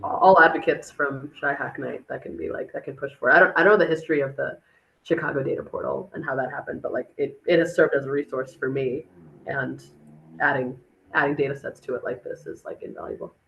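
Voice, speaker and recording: A woman's voice: rumbling low, fairly even intonation, a little fast, vocal fry, fairly bright tone, lo-fi sound. A woman answering audience questions at a tech meetup, casual and chatty with many fillers and restarts. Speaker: speaker on a city dashboard, chief of staff.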